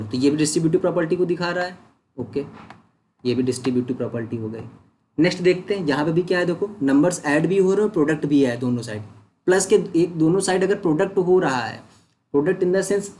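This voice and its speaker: A man's voice: a little high, darkish tone. A man teaching a maths lesson online, working through sums step by step, asking questions and answering them himself, mixing English words into his talk. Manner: mixes English words into Hindi. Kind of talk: online doubt-solving lesson.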